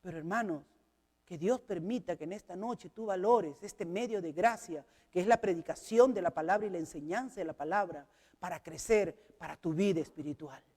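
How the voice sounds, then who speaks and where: A woman's voice: on the low side, moderate pace, dark tone, husky. A Peruvian Spanish-accented woman preaches to her congregation, earnest and drawn into her own story as she tells it. Her voice carries through a church hall with a long reverb tail. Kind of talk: sermon with personal testimony.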